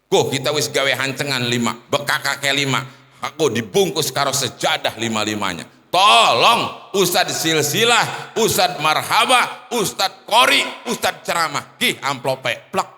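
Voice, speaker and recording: A man voicing a poor, devout old grandmother who pleads loudly and tearfully to God, in a long hall reverb. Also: animated, measured pace, full character voice. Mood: insistent. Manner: high-pitched cries to God, loud pleading.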